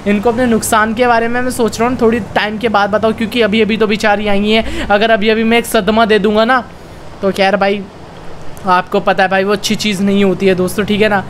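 A man's voice: sits high, little pitch movement, fairly quick, a little hiss or hum. A man hosting a gaming channel, giving chatty gameplay commentary and constantly calling his viewers friends and brothers as he playfully narrates his character's romance.

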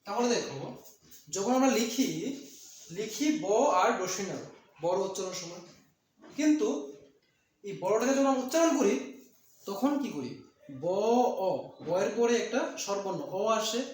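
High-pitched male teacher in an echoey room. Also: lively intonation, moderate pace, long pauses. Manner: repeats points, asks and answers his own questions. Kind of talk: exam-prep grammar lesson. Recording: echoey room with faint noise.

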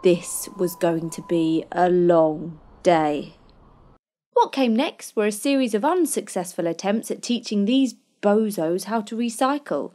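Close to her everyday voice, a young woman narrates a comic fairytale with sardonic, knowing wit, sounding mid-range, expressive, mellow and a little slow. The scripted storybook voice-over has a music bed underneath.

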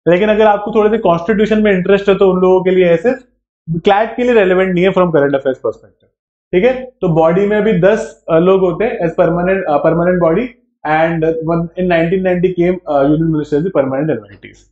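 Speaking at a normal speed in a high voice with a darkish tone, this Indian English-accented man teaches a live online law entrance exam-prep class. He's chatty and keeps checking on his students with tag questions, recorded in an echoey room with dull, lo-fi audio.

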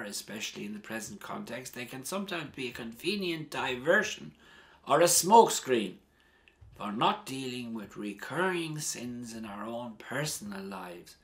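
A man, a priest, giving a sermon in an earnest, emphatic way, with strong rises and falls in pitch and loudness. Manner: earnest, measured preaching.

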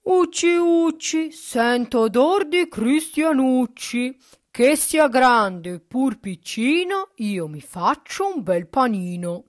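A woman voicing a loud, hungry male ogre giant who chants slow threats and barks orders. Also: high-pitched, sing-song, no room sound, studio quality, voice pushed up, exaggerated voice. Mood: menacing.

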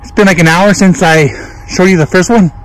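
A man vlogging outdoors on his phone at work, out of breath from loading hay, talking in a loose, excited way and swearing casually. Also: high-pitched, brisk, poor audio. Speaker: vlogger filming the sky.

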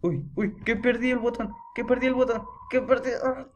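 A teenage boy, giving excitable horror gameplay commentary, chanting and yelling when scared. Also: extremely high pitch, normal speed, lo-fi sound, a little hiss or hum. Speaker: gamer.

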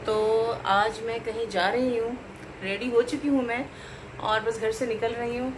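A woman's voice: on the high side, fairly even intonation, moderate pace, noisy background. A woman, chatting upbeat to her vlog viewers, filmed on a phone held at arm's length. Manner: chatty, upbeat, enthusiastic recommending. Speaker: lifestyle vlogger. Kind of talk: casual vlog narration. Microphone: phone camera at arm's length.

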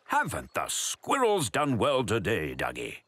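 Male cartoon narrator: gentle, warm-toned praise, slow and very expressive. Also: lowish voice, background noise. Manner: gentle, encouraging, addresses the children. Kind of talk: scripted children's cartoon narration.

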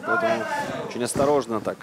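A man giving excitable live MMA commentary. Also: mid-range voice, fast talker, over a noisy crowd. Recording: loud music under the voice.

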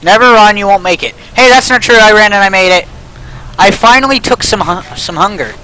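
An excitable young man livestreams a game with a friend, joking and reading the on-screen prompts aloud. His voice sits high and sounds bright, with a faint hiss behind it. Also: brisk, low-quality recording. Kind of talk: casual gaming chat.

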